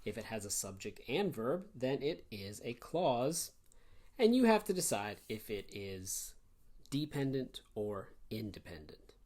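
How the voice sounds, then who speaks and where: Man teaching grammar, lively pitch, animated and clear. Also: a little slow. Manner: animated, explains step by step. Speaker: English teacher. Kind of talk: online grammar lesson.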